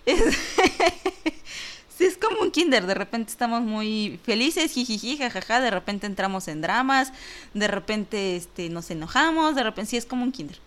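A woman's voice: on the high side, expressive, normal speed, a bit bright. A woman with a Mexican accent hosting an online talk show, chatting casually and jokingly as she reads out listener comments. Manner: chatty and joking, lots of fillers and laughter.

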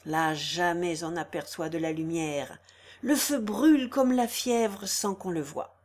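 A woman's voice: lowish voice, a little slow, darkish tone, pitched below the performer's own voice, lightly acted. A woman reading the lines of an old village priest who declaims a hymn about hell like a sermon. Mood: menacing. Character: old male village priest, preaching fiercely. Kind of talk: audiobook reading of a quoted hymn.

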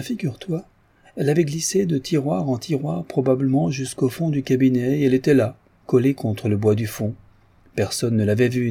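A man's voice: medium pitch, mellow, breathy edge. A man voicing a playful, chatty young woman. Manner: teasing, flighty chatter.

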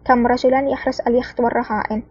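A woman reading the lines of a calm, cool-headed male spy hero in an audiobook, speaking firmly and wryly. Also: fairly high pitch, racing, slightly rough, no echo, highs cut off. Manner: calm, firm, wry.

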